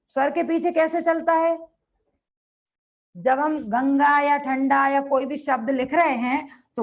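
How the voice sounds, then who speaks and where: Giving a grammar lecture, this high-voiced female teacher speaks slowly and repeats phrases for note-taking. She quizzes the class and answers her own questions.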